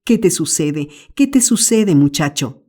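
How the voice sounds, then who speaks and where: Brief: flustered old aunt, stern but loving, mellow voice, read by a woman. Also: low voice, sing-song, slow pace, full character voice. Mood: scolding. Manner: scolding, flustered.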